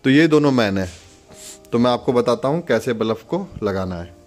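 With an animated, mid-range voice at a moderate pace, a man demonstrates a product step by step for his channel, casually pointing out features as he instructs. Faint music plays behind him.

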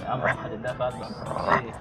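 A man's voice: medium pitch, level tone, very fast. Baffled Egyptian man pleading in a taxi. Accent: Egyptian Arabic. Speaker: passenger. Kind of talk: reacting in a prank. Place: inside a taxi. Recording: loud music over the voice.

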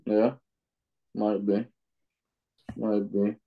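A young man co-hosting a casual review chat, excitable and profane. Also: lowish voice, extremely slow, gravelly, narrow, tinny audio. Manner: excitable, profane, laughs a lot. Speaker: co-host.

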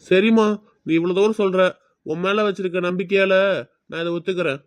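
A man's voice: high-pitched, steady tone, brisk, dry recording, natural voice. A man playing a cautious, money-minded film producer who agrees reluctantly in a web drama. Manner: reluctant, grumbling.

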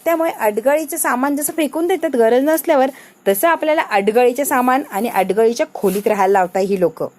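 A woman's voice: fairly high pitch, a little fast, darkish tone, close to an everyday voice. Scheming, self-pitying young woman, whiny and complaining, read by a woman.

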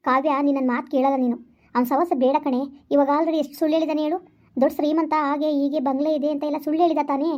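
A woman's voice: sits high, steady tone, racing, highs cut off, close to an everyday voice. A woman playing a sensible advising friend. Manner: earnest, advising. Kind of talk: village vlog skit acting.

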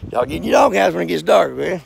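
A man, throat rough from pollen, coaxing his goats outdoors in casual baby talk. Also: high-pitched, animated, fast. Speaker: goat keeper. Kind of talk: casual vlog. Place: outdoors in a front yard.

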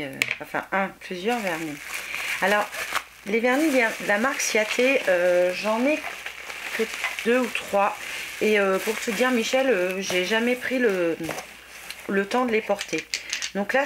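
A woman with a French accent chatting casually as she unboxes a gift parcel on her beauty vlog, exclaiming often and filling pauses with "euh". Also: mid-range voice, background noise. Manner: chatty, exclaiming, many fillers. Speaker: beauty vlogger.

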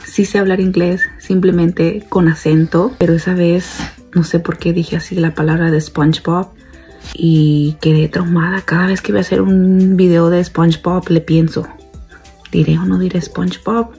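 A woman's voice: lowish voice, flat delivery, moderate pace, warm tone, slightly rough, soft background music. A young woman vlogging casually to her viewers, chatty and repeating herself as she talks to them directly.

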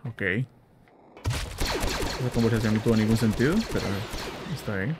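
A man chatting excitedly while playing a video game, with a Central American Spanish accent, making blaster sounds and joking. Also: fairly low pitch, normal speed, over loud music. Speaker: gameplay streamer. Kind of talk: casual let's-play commentary.

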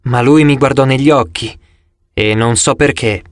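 Male audiobook reader, expressive, dry close studio sound. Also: medium pitch, moderate pace, no echo. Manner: expressive storytelling. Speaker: audiobook narrator. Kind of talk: scripted first-person narration.

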